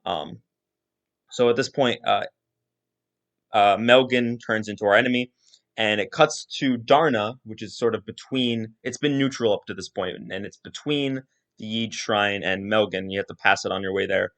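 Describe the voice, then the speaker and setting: A man's voice: lowish voice, moderate pace, fairly bright tone. Rambling man hosting a podcast. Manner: rambling, with many restarts and asides. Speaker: podcast host. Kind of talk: casual solo podcast commentary.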